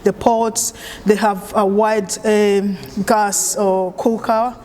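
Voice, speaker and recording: A woman's voice: mid-range voice, slow, big-room sound. A woman chef originally from Uganda, talking in an easygoing, conversational way with plenty of fillers during an oral history interview. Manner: relaxed, conversational with frequent fillers.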